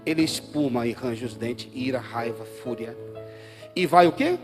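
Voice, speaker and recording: Brazilian Portuguese male pastor, mid-pitched voice, live church sermon, surges loud then drops quiet, faint music underneath. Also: normal speed. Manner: swings between loud emphatic bursts and low quiet asides. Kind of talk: Easter Sunday sermon.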